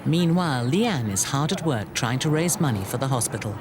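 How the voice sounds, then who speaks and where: A man's voice: mid-range voice, expressive, fairly quick, noisy background. A man reading scripted narration for a TV documentary.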